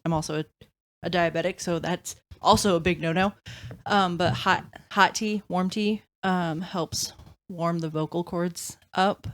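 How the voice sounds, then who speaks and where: A woman who runs a tabletop game talks casually, wandering through her point with plenty of ums. Her voice sits on the lower side for a woman. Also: fairly even intonation, unhurried, fairly bright tone. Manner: rambling with many fillers. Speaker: game master. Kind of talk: casual podcast chat.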